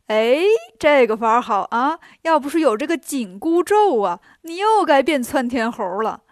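A woman voicing three jolly old male star gods who scold loudly and joke in a storybook. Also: a little high, animated, moderate pace, dry recording, clean studio sound, close to an everyday voice.

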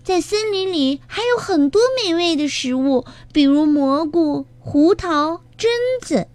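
Storybook young hen girl, voiced by a woman: high, childlike, eager. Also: unhurried, a little mellow, dry recording.

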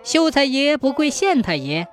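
A woman plays a quick-witted young scholar from a storybook tale. He speaks with sharp, self-assured confidence and never backs down, in a slightly raised voice. Faint music plays behind. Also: high-pitched, big pitch swings, pitched above the performer's own voice.

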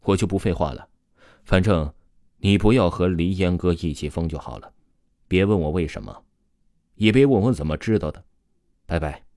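A man voicing a calm young male student with a wry, deadpan, unbothered way of talking in a told story. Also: sits low, moderate pace, long pauses, dry recording, clean studio sound.

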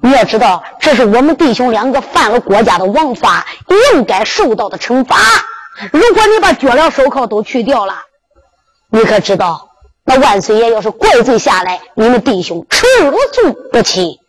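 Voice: medium pitch, lively intonation, normal speed, close to an everyday voice, poor audio. A storyteller with a Henan accent voicing a humble, grateful outlaw hero in a Henan zhuizi story. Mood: pleading.

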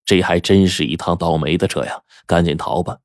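A man voicing a panicky young robber who urges flight in frantic shouts. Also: low voice, brisk, dry recording, clean studio sound. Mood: alarmed. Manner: frantic yelling.

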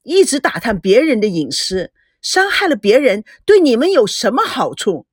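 A woman voices a furious young man in an audio novel, firing off sharp, indignant retorts. Her pitch leaps with each accusation, and the dry recording keeps her close. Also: very animated, brisk, no echo. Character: angry young man lashing out at reporters.

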